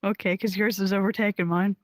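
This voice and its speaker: A woman's voice: medium pitch, flat delivery, quick pace, no room sound. A woman chatting casually during a roleplay game, rambling with lots of fillers and restarts. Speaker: roleplay streamer.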